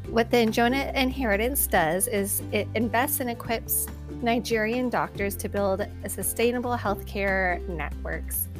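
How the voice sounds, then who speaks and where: A woman hosting a podcast, talking in an enthusiastic, casual way with fillers like "um", over a music bed. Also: medium pitch. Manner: enthusiastic, warm praise with fillers. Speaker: podcast host. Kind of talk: casual podcast intro and interview.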